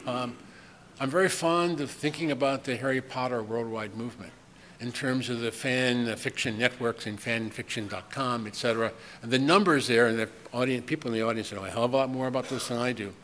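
A man's voice: mid-range voice, steady tone, fairly quick, a bit bright. Older man giving a keynote in a hall. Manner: conversational, chuckling asides, frequent ums. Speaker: keynote speaker. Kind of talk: conference keynote lecture. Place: large conference hall with audience. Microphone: podium microphone. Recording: long hall reverb, faint room noise.

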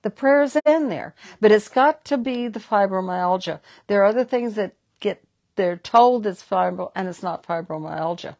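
A woman's voice: mid-range voice, normal speed, darkish tone. A woman with a Southern American accent hosts a live psychic talk. She tells her stories in a rambling way, restarting and repeating words as she goes. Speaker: psychic host. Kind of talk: live stream talk and storytelling.

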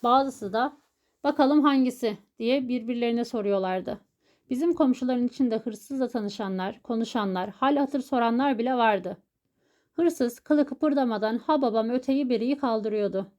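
A woman narrating a story as an audiobook reader, telling it in a steady, even way. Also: a little high, normal speed.

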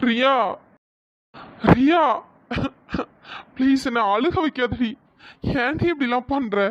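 A man playing a pleading cartoon husband, slow and tearful, mid pitch, dull dry lo-fi audio. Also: no room sound. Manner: begging, slow, soft.

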